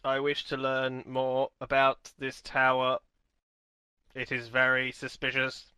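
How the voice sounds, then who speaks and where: A man's voice: medium pitch, monotone, takes it slowly, bright, forceful tone, smooth, no room sound. A man playing a tabletop game, chatting in casual comic banter with a sweary, exasperated manner.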